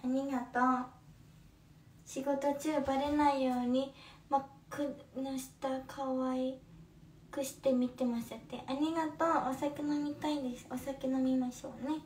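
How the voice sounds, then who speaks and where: Young woman, Kumamoto accent, high voice, chatty livestream, echoey room, distant phone mic. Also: flat delivery, a little slow, darkish tone, a little hiss or hum. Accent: Kumamoto dialect. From Kumamoto, Japan. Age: 20s. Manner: chatty, friendly, with many fillers. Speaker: livestream host. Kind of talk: casual livestream chat reading comments.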